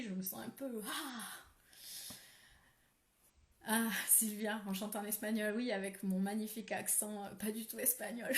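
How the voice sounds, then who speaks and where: Gentle woman hosting a live ritual. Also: medium pitch. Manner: soft, gentle guidance with many fillers. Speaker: spiritual ritual host. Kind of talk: live-stream ritual, reading comments. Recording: roomy echo.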